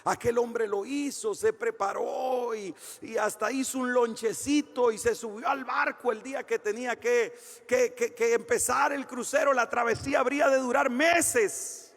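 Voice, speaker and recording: A man preaching a fervent sermon, swinging from shouted declarations to hushed storytelling. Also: very high-pitched, steady tone, moderate pace, big-room sound. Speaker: pastor.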